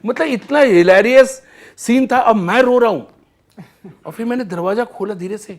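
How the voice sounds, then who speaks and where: A male singer, a guest on a talk show, telling anecdotes in an animated way and often laughing as he goes. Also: extremely high pitch, normal speed. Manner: lively storyteller, acts out scenes and laughs often.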